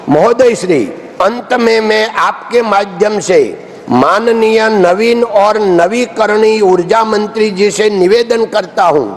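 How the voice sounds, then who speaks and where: A man, a member of parliament, reading a formal prepared speech in the chamber. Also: high-pitched. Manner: formal, reads from a prepared text, recites a Sanskrit verse. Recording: long hall reverb.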